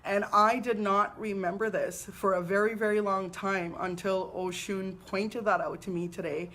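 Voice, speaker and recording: A woman, a spiritual teacher hosting a live weekly talk, telling stories in an unhurried, reverent way. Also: medium pitch, fairly even intonation, fairly bright tone. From Trinidad and Tobago. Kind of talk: live-streamed personal talk.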